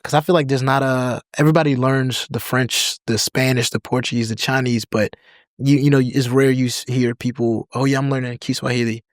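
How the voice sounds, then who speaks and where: Here a young adult man from the United States chats as a podcast guest, his mid-range voice brisk and relaxed. He leans hard on "like" and "you know," drops into other languages at times, and the casual interview is captured dry, without echo.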